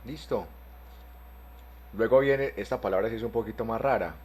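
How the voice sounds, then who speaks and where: A man teaching an online Bible class, explaining terms step by step and spelling words out slowly. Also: lowish voice, darkish tone, husky.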